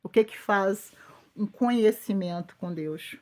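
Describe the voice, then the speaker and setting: A woman's voice: medium pitch, unhurried, darkish tone. A woman pastor with a Brazilian Portuguese accent preaching an informal sermon, speaking emphatically, repeating phrases and addressing her listeners directly.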